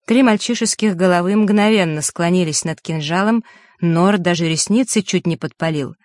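Steady, dry audiobook narrator. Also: mid-range voice, moderate pace, dry recording. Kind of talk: scripted narration.

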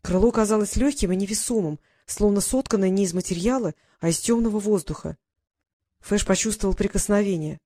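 Steady audiobook narrator, mid pitch. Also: fairly quick. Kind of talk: scripted narration.

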